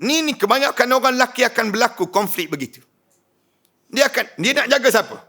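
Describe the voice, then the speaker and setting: Religious lecturer, male, northern Malaysian Malay accent, pitched high, exhorts a live audience with rhetorical questions. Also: expressive, brisk, creaky, sharp tone. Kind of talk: sermon.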